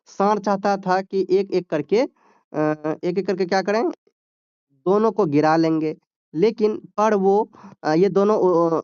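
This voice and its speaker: High clear-voiced teacher. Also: male voice, a little mellow, dry recording, muffled recording. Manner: reads a passage, then explains it in plain talk with "ठीक है?" checks. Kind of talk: explaining a textbook story.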